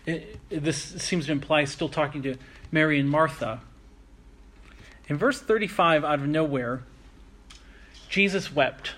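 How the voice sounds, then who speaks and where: A man preaching a sermon, earnest and reflective, slowing down to stress key phrases. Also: fairly high pitch, a bit bright. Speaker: pastor.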